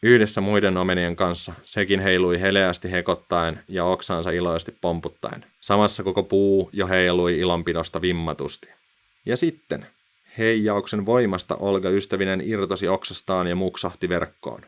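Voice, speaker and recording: A man narrating a children's story in an expressive, playful storytelling manner. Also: deep voice, clean tone.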